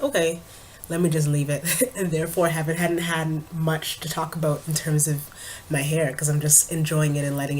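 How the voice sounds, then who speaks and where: At home, a young woman who vlogs and performs spoken word poetry chats casually to her camera. Her low voice is a little raspy from a cold, she uses frequent ums and small laughs, and there is slight background noise.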